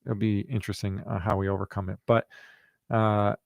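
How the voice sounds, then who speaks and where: Middle-aged man, gravelly low rasp, dry close sound, rambling casual storytelling, running coach. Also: brisk, no echo. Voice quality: gravelly, relaxed and rambling with many fillers. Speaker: running coach and podcast host.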